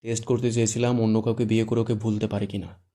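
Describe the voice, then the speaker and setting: A man voicing a stern, possessive young man who answers gravely in curt, deadpan lines, read as audiobook dialogue. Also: fairly low pitch, fast talker, lightly acted.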